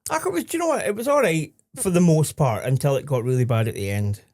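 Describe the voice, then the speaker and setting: A man's voice: on the high side, huge pitch swings, fast, darkish tone, dry recording. A man co-hosting a podcast, chatting casually with brief, dry replies. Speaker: podcast co-host. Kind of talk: casual chat.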